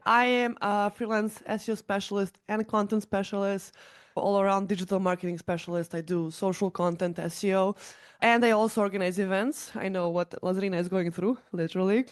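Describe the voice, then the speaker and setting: A woman's voice: mid-range voice, steady tone, a little fast. Friendly woman from Serbia. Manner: friendly, brief self-introduction. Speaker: freelance SEO specialist. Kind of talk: panel introduction.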